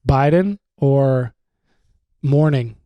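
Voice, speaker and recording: A man's voice: mid-range voice, very slow, no room sound, dull audio. A man in his twenties hosting a casual home podcast, rambling and joking with lots of fillers. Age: 20s. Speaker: podcast host. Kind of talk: casual chat. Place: room at home.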